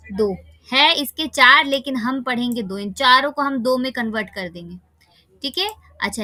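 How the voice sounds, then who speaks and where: Woman tajweed teacher, bright clear voice, kinda high, keeps asking "theek hai?" to the kids, slows way down on examples. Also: dry recording. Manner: patient, checks understanding with "theek hai?"; slowly spells out recitation examples. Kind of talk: online class teaching children.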